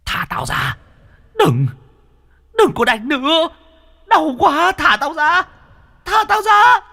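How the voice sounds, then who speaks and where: A man voicing a beaten male demon that wails and pleads in a shrill, strained voice. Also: big pitch swings, takes it slowly, pushed and bright, full character voice. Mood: shrieking pleading. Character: shrieking beaten demon, male, wild and pitiful.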